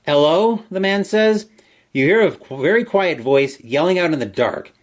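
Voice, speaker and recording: A man hosting a solo tabletop horror game, reading the gamebook aloud. His voice sits a bit high and swings widely in pitch as he builds tension. He breaks off into casual asides while rolling dice. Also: lively intonation, normal speed. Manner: dramatic narration, asides on dice rolls. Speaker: host playing a solo gamebook.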